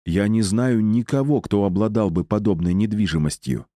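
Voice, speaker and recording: A stern middle-aged colonel weighs each word deliberately, as a man reading an audiobook voices him. The voice sits very low and dark, in a dry, close sound. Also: no room sound, close to an everyday voice. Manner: measured and deliberate.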